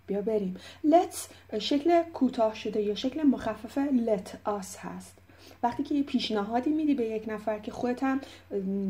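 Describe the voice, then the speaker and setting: Woman, Persian accent, English teacher, patient explaining, slow clear English examples, mellow tone. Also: on the high side. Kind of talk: explaining vocabulary.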